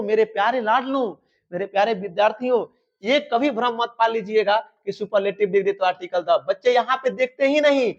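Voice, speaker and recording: Male teacher, high voice, emphatic and repetitive exam coaching, dull lo-fi recording. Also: a bit bright. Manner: emphatic, repetitive, addresses students fondly. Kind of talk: exam-prep grammar lesson. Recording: dull lo-fi sound.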